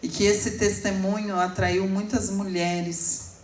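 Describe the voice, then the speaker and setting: A woman in her forties giving an emotional sermon testimony, telling her story slowly with sudden emphatic rises. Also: mid-range voice, flat delivery, darkish tone, slight background noise. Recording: echoey room, speaker far from mic.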